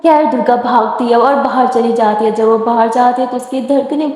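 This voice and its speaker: A woman a high voice narrates a romance story in a loose, chatty way, slipping straight into the characters' dialogue and repeating as she talks. Her voice rings out in a very echoey room a long reverb tail. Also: steady tone, a little mellow. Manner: casual, slips into dialogue, repeats words.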